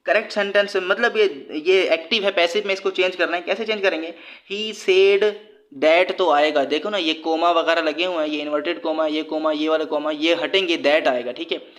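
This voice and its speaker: Chatty Pakistani teacher, slightly high voice. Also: male voice, fairly even intonation, moderate pace, a bit bright. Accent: Pakistani Urdu. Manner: chatty, jokey, laughs at his own asides. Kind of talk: casual exam-prep lesson.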